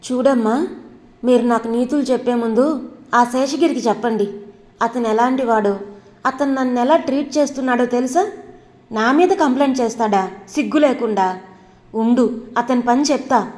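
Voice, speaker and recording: A woman voicing a proud, quarrelsome young wife who bursts out in shrill, tearful accusations. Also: normal speed, pauses often, darkish tone, in a large hall, lightly acted. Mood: indignant. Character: proud angry young wife, quick to fight.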